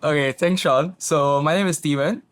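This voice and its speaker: A young man from Indonesia, a guest chatting casually in an interview, relaxed and full of fillers like "you know" and "like". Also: a little high, moderate pace. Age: young adult.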